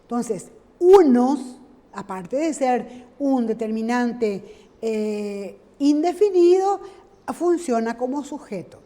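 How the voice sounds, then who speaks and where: A woman teacher, giving a grammar lesson in a slow, deliberate way and checking in with her class. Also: a little high, animated, warm tone, long reverb tail.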